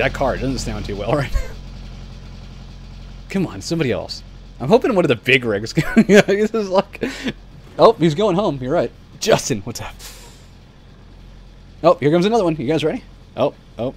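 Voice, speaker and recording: Male game streamer, live commentary, excitable and laugh-prone, wildly swooping slightly high voice. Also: normal speed, long pauses, a little hiss or hum. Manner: excitable, laughs often, exclaims at the screen.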